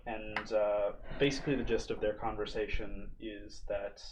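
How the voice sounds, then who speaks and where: A man's voice: fairly low pitch, level tone, normal speed, a little hiss or hum, rough recording. Casual man narrating as game master. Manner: casual, hesitant, many fillers.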